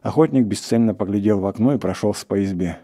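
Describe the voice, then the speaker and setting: Very dark-voiced man reading a story. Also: fairly low pitch, quick pace. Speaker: narrator. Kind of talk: literary reading of a classic story.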